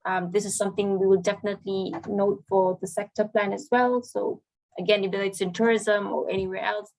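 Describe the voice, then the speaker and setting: A woman moderating a panel on an online call in a polite, measured, semi-formal way, summing up points. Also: mid-range voice, level tone, a little mellow, rough recording.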